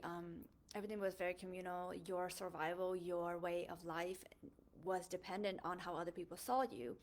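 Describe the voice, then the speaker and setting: Speaking in a slightly low voice, this young woman hosts a faith podcast and offers an earnest, reflective personal monologue. She is Hmong, born in a refugee camp in Thailand and raised in the US, and she thinks aloud with many fillers, pauses, restarts, and self-corrections.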